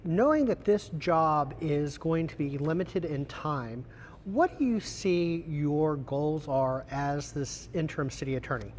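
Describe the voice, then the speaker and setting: A man's voice: a little high, lively intonation, measured pace, a little mellow, slight background noise. An American man asking prepared interview questions in a formal, courteous way as the host.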